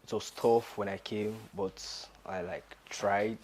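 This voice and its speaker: A man's voice: fairly low pitch, steady tone, takes it slowly, a little mellow, a little hiss or hum. A teenage man, an engineering student, answering interview questions hesitantly with ums. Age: teens. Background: guitar music.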